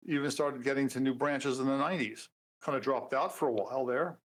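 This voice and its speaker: A programmer in his seventies, appearing as a guest in a casual interview, talks in a relaxed way full of dry humor and many fillers. His mid-range voice is brisk, and the recording is rough.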